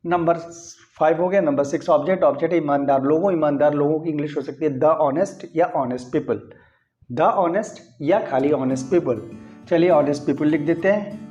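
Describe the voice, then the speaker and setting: A man's voice: fairly high pitch, moderate pace, warm tone, lo-fi sound, soft background music. A man teaching English grammar, explaining step by step and repeating key phrases as he questions his students. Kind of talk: explanatory lesson.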